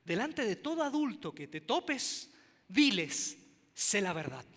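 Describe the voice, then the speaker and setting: A man's voice: high-pitched, big pitch swings, slow, fairly bright tone, in a large hall, full character voice. A man voicing a knowing older sister who shares a secret in a playful, conspiratorial way.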